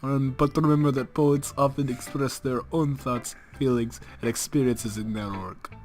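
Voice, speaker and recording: A man voicing a shy, polite bookish teen girl in a let's play, speaking softly and apologetically. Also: mid-range voice, steady tone, normal speed, soft background music, close to an everyday voice. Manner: soft and apologetic. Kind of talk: let's play character reading.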